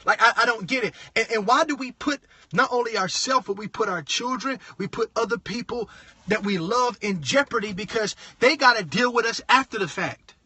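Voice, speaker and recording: A man's voice: very high-pitched, moderate pace, pushed and bright, breathy edge, no echo. A man preaching bluntly from inside his car in a frustrated, impassioned monologue. He repeats words and restarts often, speaking close to a phone. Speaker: preacher sharing advice on a livestream.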